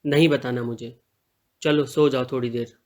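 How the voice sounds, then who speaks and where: A man reading the part of a male truck driver in an audio story, calm and reassuring toward his partner. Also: mid-range voice, moderate pace, lightly acted. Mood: tender. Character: male truck driver, protective and teasing lover.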